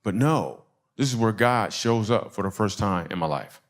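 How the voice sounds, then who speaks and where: Animated man telling a stand-up story. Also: lowish voice, normal speed. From Michigan. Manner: animated, acts out quoted voices, laughs at own lines. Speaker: stand-up comedian. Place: comedy stage before a live audience.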